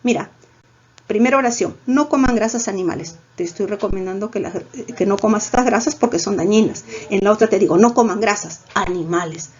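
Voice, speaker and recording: A woman with a Peruvian Spanish accent, teaching a recorded grammar lesson in a lively, coaxing way, checking in with her students often. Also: mid-range voice, fairly quick, dull audio. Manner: lively, coaxing, peppers lines with "¿ya?".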